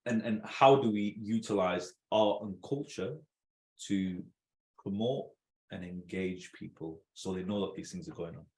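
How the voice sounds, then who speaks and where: A man's voice: sits low, a little slow, darkish tone. A man speaking at an event in an informal presentation, reflective and posing questions, recorded in an echoey room.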